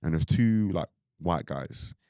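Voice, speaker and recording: Co-hosting a podcast, a young man from Ireland talks casually and rambles, peppering his speech with "like" and "you know what I mean." His low, dark voice moves slowly with lively intonation, captured in a dry, studio-quality recording.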